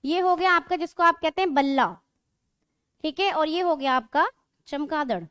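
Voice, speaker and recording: A woman's voice: sits high, normal speed, fairly bright tone, no echo, studio quality. A woman teaching English grammar in a classroom lecture, explaining patiently and often checking that students follow.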